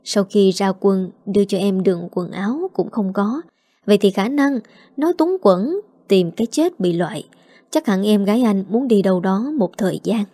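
A woman reading a village drama story aloud in a steady, expressive way. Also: medium pitch, moderate pace, dry recording. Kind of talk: audiobook story narration. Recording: dry close mic with faint music.

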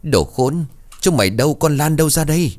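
A man's voice: on the low side, animated, a little fast, no room sound. A man voicing a grief-crazed older village chief who wails and rants. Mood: raging. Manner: wailing, ranting.

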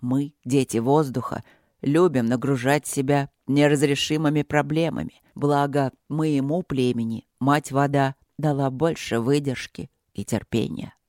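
A reader doing a calm, low dragon lord. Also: no room sound, studio quality, lightly acted. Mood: serene. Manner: slow, even, soothing.

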